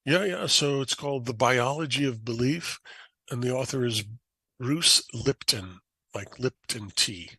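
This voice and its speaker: Gravelly bright-voiced man explaining. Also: medium pitch, unhurried, dry recording, poor audio. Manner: relaxed, explanatory storytelling with animated quoted voices. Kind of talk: conversational podcast chat.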